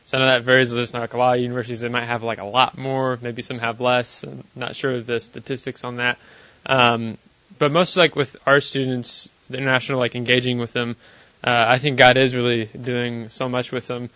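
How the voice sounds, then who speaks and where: A man's voice: medium pitch, flat delivery, brisk, sharp tone, no echo. Guy rambling on a panel, lots of likes and ums, dry dull sound. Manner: rambling, heavy on filler words. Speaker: campus ministry volunteer. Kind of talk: casual panel discussion. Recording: dry, slightly dull recording.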